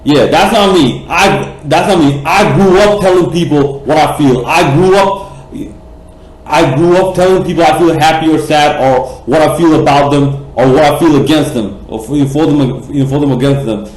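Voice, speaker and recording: A man's voice: fairly high pitch, moderate pace, a little mellow. Passionate rambling man, echoey room. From Bangladesh. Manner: passionate, rambling, many fillers and restarts, blunt and profane. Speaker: cricket vlogger. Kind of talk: opinionated vlog rant.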